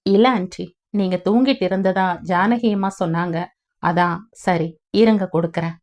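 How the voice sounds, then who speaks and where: A woman's voice: medium pitch, normal speed, darkish tone, natural voice. A woman reading the lines of a polite, helpful young man in her own plain voice.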